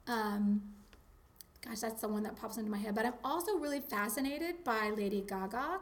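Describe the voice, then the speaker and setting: A woman talking casually in an interview, chatty and animated, with lots of likes and ums. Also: on the high side. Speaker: interviewee, teacher.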